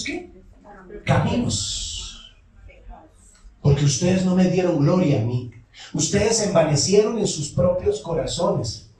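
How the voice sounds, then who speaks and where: Heard from a distance in an echoey church hall with slight background noise, a pastor whose voice sits high and carries a darkish tone leads a call-and-response sermon in the sanctuary. He asks the congregation questions, then supplies the answers himself.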